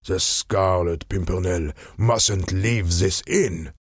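A man's voice: sits low, takes it slowly, breathy edge, no echo, studio quality, heavily acted. A man voicing a scheming, ruthless male French agent who gives curt commands.

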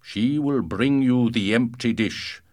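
A man voicing a stern giant lord of the wind, giving loud, slow commands. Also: lowish voice, sing-song.

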